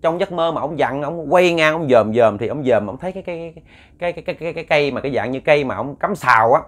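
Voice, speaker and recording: A man's voice: fairly high pitch, lively intonation, fast. A man with a Southern Vietnamese accent narrates a late-night ghost story. He rambles with fillers and repeated words and speaks directly to his listeners.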